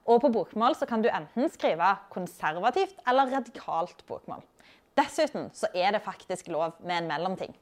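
A woman hosting a writing-tips show, explaining in a friendly, direct teaching manner, recorded at a library and culture house. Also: mid-range voice. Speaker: host giving writing tips. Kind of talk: scripted explanatory lesson.

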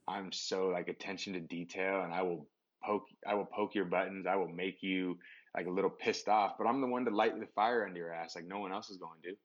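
A man with a very deep, low voice talks through his thoughts in a relaxed interview, stopping and restarting often and filling gaps with fillers. The sound is a bit dull and lo-fi. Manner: rambling, many restarts and fillers. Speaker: podcast guest. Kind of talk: casual interview chat.

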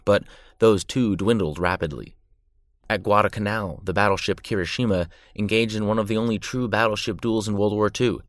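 A man's voice: on the low side, steady tone, normal speed, no room sound, clean studio sound. A man narrating war history from a script, dramatic with an irreverent edge. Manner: dramatic yet irreverent storytelling.

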